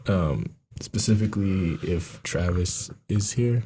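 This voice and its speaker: A man's voice: low-pitched, slow pace, a little hiss or hum. A man co-hosting a podcast, chatting casually while leading questions on a ghost hunt inside a house. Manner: relaxed, chatty, leads the questions. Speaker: podcast co-host.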